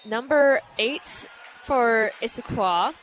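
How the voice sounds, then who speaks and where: Teen girl doing play by play, chatty and giggly, slightly high voice, bit of hiss behind. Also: takes it slowly, fairly bright tone, low-quality recording. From San Francisco. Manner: chatty, giggly, many fillers. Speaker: student sports commentator. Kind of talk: casual play-by-play commentary.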